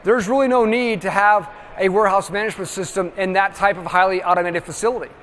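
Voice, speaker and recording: Guy, kinda high voice, pushy presenter style always going "right?", long echo in a big hall, faint hum behind. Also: fairly even intonation, fast, a bit bright. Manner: emphatic, constantly checks in with "right?". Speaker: industry presenter. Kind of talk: trade-show presentation. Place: large trade-show hall. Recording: reverberant hall with faint ambience.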